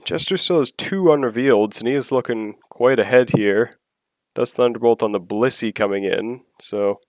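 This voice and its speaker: A slightly sick man giving relaxed, analytical play-by-play commentary on a video game battle, often pausing with "so" and "yeah" and clearing his throat. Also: mid-range voice, dry recording. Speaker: match commentator.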